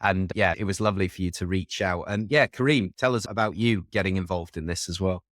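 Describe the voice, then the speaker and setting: A man's voice: low-pitched, brisk, fairly bright tone, no room sound. A man hosting a podcast interview, welcoming and upbeat as he introduces his guests. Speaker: podcast host.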